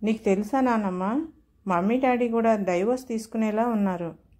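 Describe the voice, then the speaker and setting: A woman's voice: on the high side, moderate pace, darkish tone, lightly acted. A woman voicing a little boy who is tearful and worried about his parents. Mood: childlike tearful. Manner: sobbing childlike pleading.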